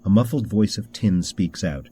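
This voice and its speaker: A man narrating a mystery game script in a measured, descriptive storytelling manner. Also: on the low side, expressive, mellow, husky.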